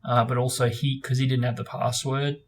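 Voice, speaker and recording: Speaking a little fast in a level, medium-pitched tone, a man hosts a book discussion where he reads aloud and chats informally. His phrasing is loose and hesitant, peppered with "like" and "sort of."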